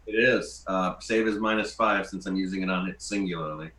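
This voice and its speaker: A man talking casually and haltingly as a tabletop game player, in echoey room sound. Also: deep voice, bright, forceful tone, slight background noise.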